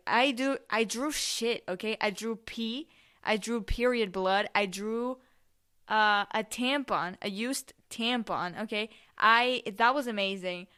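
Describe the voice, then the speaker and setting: Young woman doing a solo podcast, bright crisp voice, rambly casual storytelling, keeps correcting herself. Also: fairly high pitch. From Spain, with family in Mexico. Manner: rambling, self-correcting, informal. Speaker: podcast host.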